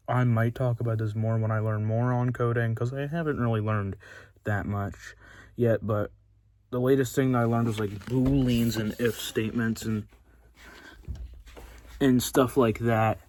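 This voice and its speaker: A man's voice: on the low side, fairly even intonation, a little slow, pauses often, darkish tone, no room sound. A teenage male vlogger chatting casually and unscripted inside a closet, hesitant and often losing his thread. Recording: noisy amateur closet recording with clicks.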